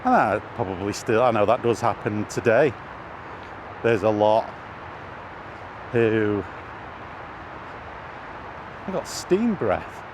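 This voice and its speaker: A middle-aged British vlogger walks outdoors in an urban area, taking it slowly in a lowish, expressive voice and pausing often. He rambles casually, thinking aloud and hesitating over his words. Traffic makes the recording noisy, with clear street and vehicle noise.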